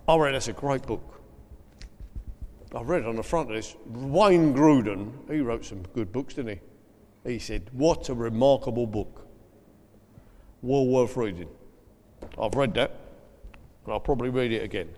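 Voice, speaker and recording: A man's voice: mid-range voice, darkish tone. A man with a South East London accent preaching a chatty, emphatic sermon and often repeating his phrases. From England. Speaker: pastor. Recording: long reverb of a hall.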